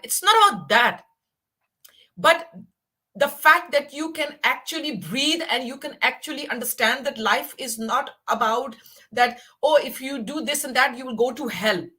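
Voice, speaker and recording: A woman's voice: fairly high pitch, sharp tone. A woman in her forties talking passionately on a livestream, emphatic and repeating herself for weight. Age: 40s. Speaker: livestream guest. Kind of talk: casual livestream chat.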